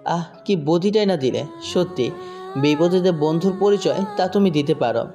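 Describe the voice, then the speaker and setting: A middle-aged male gang leader, voiced by a woman in an audio drama, wary and full of questions. The voice is fairly low and mellow. Faint music plays underneath. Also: expressive, normal speed, close to an everyday voice.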